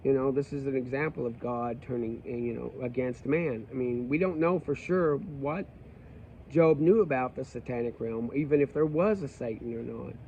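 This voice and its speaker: A man's voice: mid-range voice, moderate pace, a little mellow. A man teaching an informal Bible study, reading scripture aloud and explaining it in loose, restarting speech. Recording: dull lo-fi sound with faint background noise.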